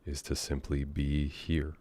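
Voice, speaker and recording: An American man guides a meditation in an extremely low, dark, relaxed voice that stays almost monotone, barely rising or falling. He speaks gently and unhurriedly, improvising soothing guidance with long pauses.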